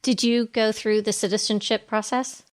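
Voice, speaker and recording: Woman, middle-aged, podcast host, measured, deliberate, interview questions. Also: medium pitch, level tone. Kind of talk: scripted intro and interview questions.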